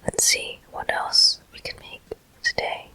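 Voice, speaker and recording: In this gaming ASMR video, the host whispers commentary on the gameplay. The voice is breathy and gentle, coming out in short, unhurried phrases.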